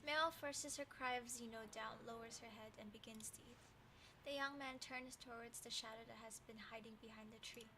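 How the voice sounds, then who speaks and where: A woman's voice: on the high side, fairly even intonation, brisk, background noise. A woman livestreaming a story game, reading narration aloud and adding playful, teasing, slangy commentary. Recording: music behind the voice. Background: game music.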